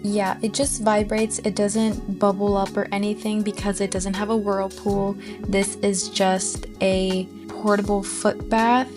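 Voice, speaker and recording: A woman of about twenty, talking informally and chattily to viewers in a casual tutorial vlog style. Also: medium pitch. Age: 19, about to turn twenty. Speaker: nail tech video host. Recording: music behind the voice. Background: background music.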